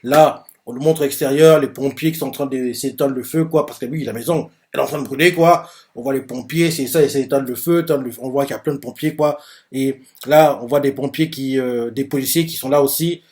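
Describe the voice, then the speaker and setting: A man's voice: mid-range voice, a little fast, a little mellow. A man reading a manga chapter aloud and reacting in a casual, rambling way, full of fillers.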